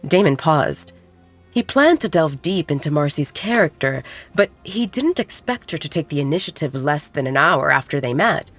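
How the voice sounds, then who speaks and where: A woman with a deep, expressive, fairly bright voice narrates a scripted romance audio drama at a moderate pace, like an audiobook storyteller. Background music plays beneath her throughout.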